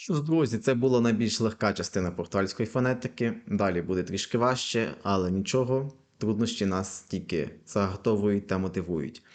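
A young man teaching a language lesson, patiently explaining and slowly repeating example words. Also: fairly low pitch.

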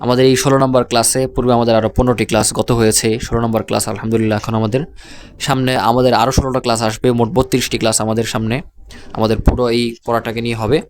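Slow, flat-voiced man teaching Quran reading. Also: mid-range voice. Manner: slow, measured, repeats each syllable. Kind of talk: slow spelled-out recitation lesson.

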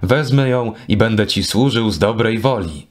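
A man's voice: on the low side, expressive, normal speed, close to an everyday voice. A man doing Tristan as a singsong mad fool. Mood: crafty, dreamy. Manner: strangely altered, singsong fool's voice. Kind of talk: audiobook character reading.

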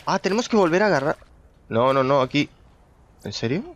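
A man's voice: on the high side, expressive, a little fast. Young man chatting over gameplay. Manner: chatty, talks to viewers, thinks aloud. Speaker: gameplay streamer. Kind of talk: casual gameplay commentary.

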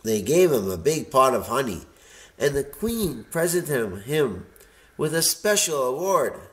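A man reading a children's picture book aloud in a lively, expressive way. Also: medium pitch, a little slow. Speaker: storybook reader.

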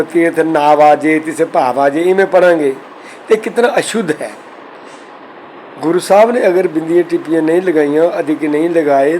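A man's voice: on the high side, darkish tone, slight background noise, low-quality recording. Punjabi man teaching scripture pronunciation. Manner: slow careful recitation of verses between explanations. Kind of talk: scripture explanation lesson.

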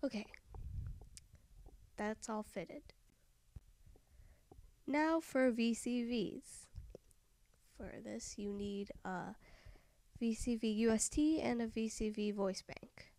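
A soft-spoken woman giving a software tutorial voice-over, often trailing off into a whisper. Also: fairly high pitch, slow pace, pauses often, no echo.

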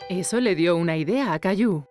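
A woman's voice: fairly low pitch, expressive, fairly quick. A woman narrating a scripted children's cartoon story. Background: music.

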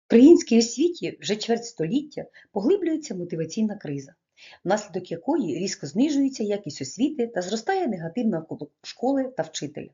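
Woman lecturer, earnest and measured, mellow tone. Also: mid-range voice, slightly rough, highs cut off. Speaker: education lecturer. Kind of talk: prepared lecture reading.

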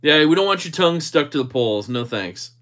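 A man's voice: fairly high pitch, lively intonation, brisk, fairly bright tone. A man hosting a livestream, casually reading and answering viewer comments in a jokey, easygoing way. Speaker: livestream host.

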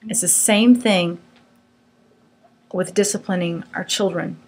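A woman's voice: fairly low pitch, takes it slowly, husky. A middle-aged woman teaching a small Bible study group, earnest, firm and conversational.

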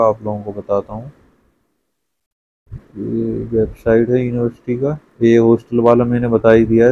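A young education YouTuber gives a casual screen-share walkthrough in a low-ish voice on a muffled recording. He's chatty, often adding "okay" to check in and repeating "theek hai."

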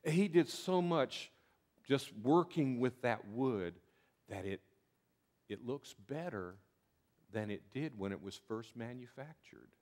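A man's voice: mid-range voice, animated, slow pace, a little mellow. An older man with a Southern US accent preaching a sermon from a pulpit in a church sanctuary, folksy and earnest, often restarting his words. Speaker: pastor. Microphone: pulpit mic.

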